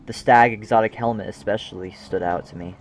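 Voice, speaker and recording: A man's voice: fairly low pitch, fairly even intonation, fairly quick, a little hiss or hum. A young man narrating a gaming story in a jokey, self-mocking way, swearing and breaking into asides. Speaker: gaming video creator. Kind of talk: comedic scripted narration.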